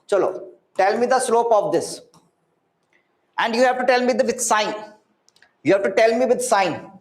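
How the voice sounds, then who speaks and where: In an echoey space, a man with an extremely high voice and normal speed leads an interactive physics class online. His accent is Indian, his English is sprinkled with Hindi, and he repeats himself while frequently asking if everyone understands.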